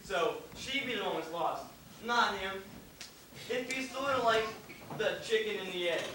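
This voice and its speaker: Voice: medium pitch, moderate pace, background noise, natural voice. A stage actor playing a folksy old sailor who sounds mock-philosophical in rustic dialect. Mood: sage. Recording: echoey hall, distant mic.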